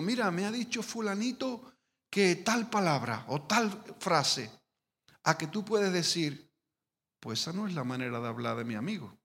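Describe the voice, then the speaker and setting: Gravelly Spanish preacher in an echoing hall. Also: male voice, on the high side, fairly bright tone. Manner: conversational, many restarts and tag questions. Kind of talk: informal Bible teaching. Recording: long hall reverb.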